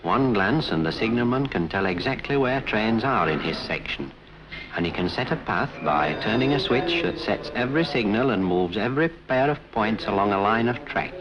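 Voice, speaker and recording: A man's voice: fairly low pitch, big pitch swings, moderate pace, background noise. A man narrating a scripted 1950s documentary as a railway official, in a conversational, wry storytelling way. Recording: dull 1950s film soundtrack with music.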